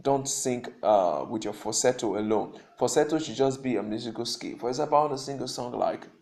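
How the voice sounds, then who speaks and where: A man's voice: medium pitch, brisk, a little mellow. A man coaching singers through breathing exercises while seated, giving instructions with frequent check-ins like "okay?". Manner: instructive, repeats points, asks "okay?". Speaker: vocal coach. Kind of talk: spoken singing lesson.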